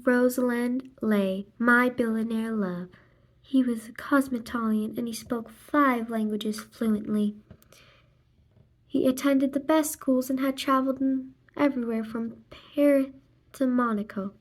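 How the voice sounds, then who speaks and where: Reading a kids' graphic novel, a female narrator performs the characters' lines and sound words expressively and with care. She has a fairly high, steady voice.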